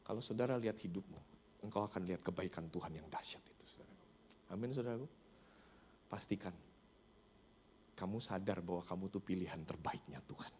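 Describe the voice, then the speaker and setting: A man's voice: sits low, a little fast, pauses often, darkish tone, slight background noise. A man preaching a sermon, telling a story and acting out its dialogue while he keeps addressing the congregation. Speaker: pastor. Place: church sanctuary.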